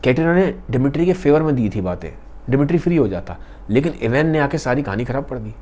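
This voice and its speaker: A man's voice: medium pitch, expressive, quick pace, warm tone. A man retelling a classic novel in a casual, conversational and dramatic storytelling style.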